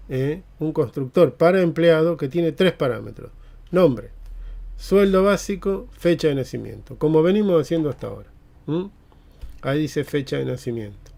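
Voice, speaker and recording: A man's voice: a little high, vocal fry, a little mellow. A man teaching a live online programming class, explaining step by step and checking in with tags like "eh?" and "mm?". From Argentina.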